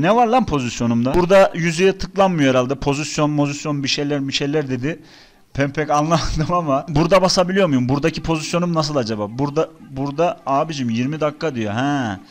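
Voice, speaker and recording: Brief: young Turkish male gaming host, slightly high voice, casual and excitable, quick to groan or shout. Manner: excitable, swings between groans and outbursts. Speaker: gaming YouTuber. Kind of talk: casual let's-play commentary.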